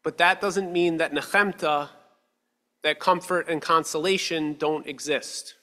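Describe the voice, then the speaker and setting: A male rabbi in his thirties giving a measured, earnest sermon at a lectern with a stand mic, slowing down for emphasis. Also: fairly high pitch, steady tone, sharp tone. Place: synagogue sanctuary, at a lectern. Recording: long reverb of a sanctuary hall.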